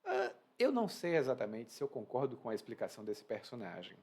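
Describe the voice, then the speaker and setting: A man's voice: medium pitch, quick pace, creaky, slightly rough. A man with a Brazilian accent, a Portuguese teacher explaining a reading to learners and acting out quoted phrases, talking at home. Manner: animated, acts out quoted phrases. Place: at home indoors.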